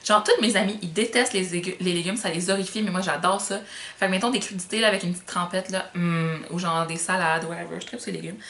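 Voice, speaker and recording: A woman's voice: lowish voice, quick pace, a bit bright. Young female vlogger, light island Québécois accent, informal filler-heavy chat, roomy echo. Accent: Magdalen Islands Québécois French, light. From Magdalen Islands, Quebec. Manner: chatty, informal slang, many fillers. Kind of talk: casual Q&A chat to camera.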